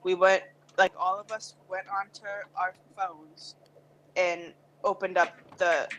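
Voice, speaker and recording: A woman's voice: fairly low pitch, flat delivery, slow, fairly bright tone, a little hiss or hum. A young woman telling a rambling school story with lots of fillers and self-corrections, casual talk with friends over an online game chat. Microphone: headset mic on the shoulder. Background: chickens clucking.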